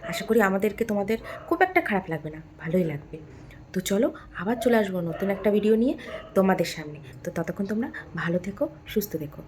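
A woman vlogger chatting casually at home at night, lively while talking with her husband, then speaking softly so a child can sleep. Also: mid-range voice, fast, crowd noise. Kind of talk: casual home vlog chat.

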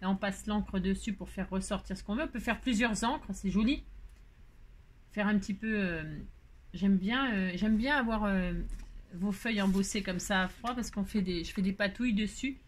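A woman's voice: mid-range voice, moderate pace. A woman hosting a crafting channel, chatting casually and exclaiming with delight as she opens mail, with many fillers, and talking to the items she unpacks. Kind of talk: casual chat while opening mail.

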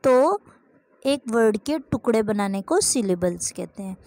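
Slow, patient woman teacher. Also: a little high, animated, a little mellow. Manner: explains step by step, slow dictation of example sentences. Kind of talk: recorded grammar lesson.

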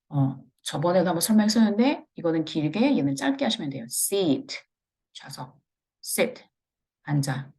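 A low-voiced woman with a Korean accent gives an English pronunciation lesson. Her voice has a gravelly, creaky edge, and she draws out each model phrase slowly before explaining it. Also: a little mellow. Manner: slow, drawn-out model phrases with step-by-step explanations. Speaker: English teacher.

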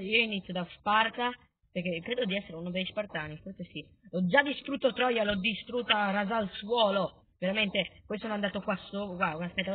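A man hosting a gaming channel, doing let's play commentary in an excitable way, with dramatic outbursts at the enemy. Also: high-pitched. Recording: tinny phone-like sound.

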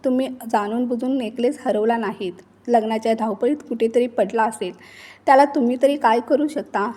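A woman reading the lines of a gentle, patient young daughter-in-law in a story. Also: on the high side, brisk, lightly acted. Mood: reassuring.

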